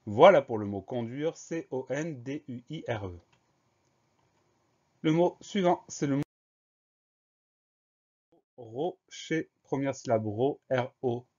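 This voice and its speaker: A man's voice: mid-range voice, warm tone, muffled recording. A man teaching a spelling lesson, explaining each word patiently and spelling it out letter by letter.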